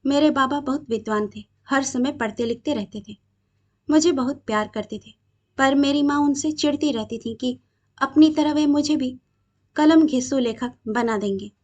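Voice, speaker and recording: A woman's voice: high voice, moderate pace, a little mellow, close to an everyday voice. Brief: woman reading as a troubled, defiant young man, earnest and aggrieved, storybook reading.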